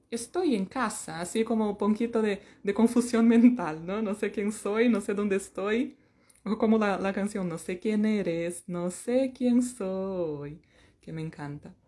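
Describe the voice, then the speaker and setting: A woman's voice: medium pitch, animated, unhurried, dark tone. A woman from teaching an English lesson in Spanish, playful and joking about herself. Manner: playful, sings snatches of songs and jokes about herself.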